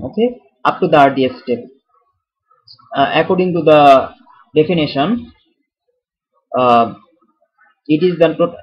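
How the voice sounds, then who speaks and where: A man tutors chemistry in an informal, jokey way, circling back over the same points with frequent fillers and broken-off restarts. His voice sits fairly high and sounds husky. The recording is dull and lo-fi. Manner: repetitive, filler-heavy, halting restarts. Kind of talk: explanatory lesson over a whiteboard.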